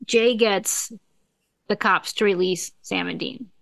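A woman's voice: mid-range voice, takes it slowly, gravelly, a bit bright, dry recording. A woman co-hosting a podcast, casually recapping a TV episode with frequent fillers. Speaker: podcast co-host.

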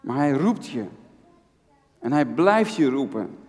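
A man's voice: mid-range voice, sing-song, takes it slowly, darkish tone. A middle-aged man preaching a sermon, fervent and pastoral, speaking directly to his listeners. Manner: fervent, rising to impassioned pleading. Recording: reverberant hall.

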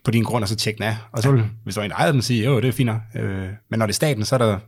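A man with a fairly low voice takes part as co-host in a casual podcast conversation. He builds his thoughts slowly, filling pauses with "uh"s and restarting phrases as he hunts for the right word. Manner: hesitant, full of 'uh' fillers while searching for words.

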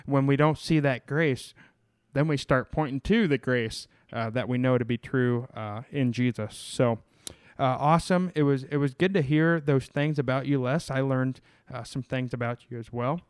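A male podcast host chats casually about scripture in a halting way, often restarting sentences or filling gaps with "uh." His mid-range voice sounds smooth and clear. The recording is close and dry, with no room sound.

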